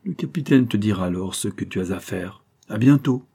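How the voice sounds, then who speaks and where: A man's voice: lowish voice, animated, brisk, vocal fry, mellow, slightly rough, full character voice. A man reading an audiobook voices a scheming, ruthless female adventuress who gives orders in an imperious, gloating manner. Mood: commanding. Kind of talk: audiobook character voicing.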